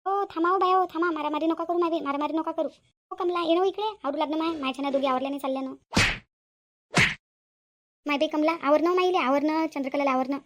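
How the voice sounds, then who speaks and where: A quick-tongued cartoon village matron, voiced by a woman who scolds and calls to her neighbours. She sounds high and brisk, and she is bossy but friendly. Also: muffled recording, a little hiss or hum, close to an everyday voice. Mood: pleading.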